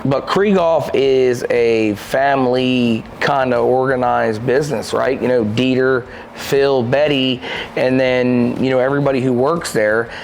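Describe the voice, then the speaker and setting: Speaking a little slowly in a medium pitch, this thirtysomething shooting club manager and podcast co-host rambles through stories in a stone-fireplace lodge room, gesturing a lot and staying animated. A little hiss or hum runs under the casual chat.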